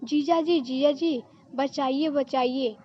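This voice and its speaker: Woman reading a teasing giggly young woman, high-pitched, storybook, muffled lo-fi recording. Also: slow pace, a little hiss or hum. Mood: crying for help.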